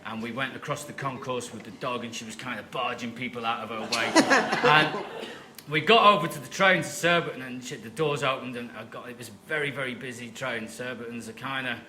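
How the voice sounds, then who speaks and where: A man's voice: medium pitch, brisk, background noise. A man, a comedian guest, telling a self-deprecating story on stage at a live comedy show. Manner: wry, self-deprecating anecdotes.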